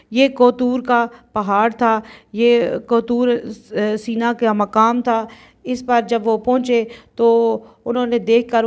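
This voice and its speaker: A woman hosting her channel and telling a religious story in a hesitant way, with many drawn-out fillers. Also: a little high, clear, resonant tone.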